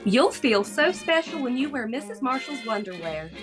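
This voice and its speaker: A woman's voice: sits high, very animated, normal speed, over music. A woman playing a peppy saleswoman in a parody radio commercial. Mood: peppy salesy.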